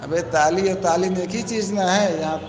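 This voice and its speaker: High-voiced Indian man teaching in an echoey classroom. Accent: Indian Urdu. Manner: keeps quizzing students with questions; reads Arabic text then explains it. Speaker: teacher of logic. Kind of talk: classroom lecture. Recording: echoey classroom with faint noise.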